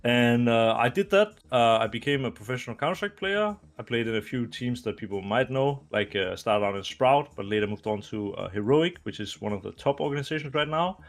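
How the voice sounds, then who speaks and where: A man in his twenties from Denmark, a retired esports player answering interview questions in a relaxed, rambling way with many fillers. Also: mid-range voice, a little fast, few pauses, soft background music. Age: 20s. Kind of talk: casual video interview.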